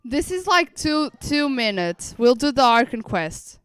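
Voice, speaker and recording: Her voice sits high and sing-song, a little slow, fairly bright, clear and resonant with no echo. She's a streamer playfully chatting with live viewers as she plays a game, recorded on a dry close mic with faint background music.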